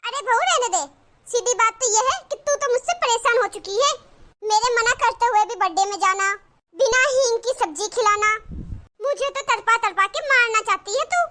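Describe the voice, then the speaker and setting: A shrill, bright-voiced cartoon mother-in-law who scolds, complains and groans about her aches, as a woman acts her out. She is suspicious and self-pitying, and her voice sits very high with a sharp, forceful edge. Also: moderate pace, slight background noise. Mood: scolding. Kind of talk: cartoon voice acting.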